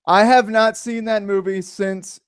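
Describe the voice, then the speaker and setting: A man in his thirties co-hosting a casual movie-review podcast, rambling and animated, laughing often. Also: high voice, unhurried, clear, resonant tone. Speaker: podcast co-host.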